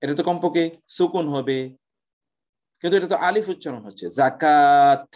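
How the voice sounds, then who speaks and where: A man's voice: fairly high pitch, a little mellow. Male professor giving an explanatory lecture. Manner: explanatory, recites Arabic examples slowly. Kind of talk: classroom lecture.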